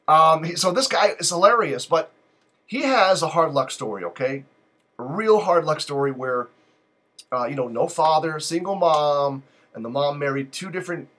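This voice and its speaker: A man's voice: on the high side, a bit bright. A man hosting a live call-in stream, talking in a loose, digressive and joking way. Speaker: live call-in show host. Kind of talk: rambling live-stream monologue.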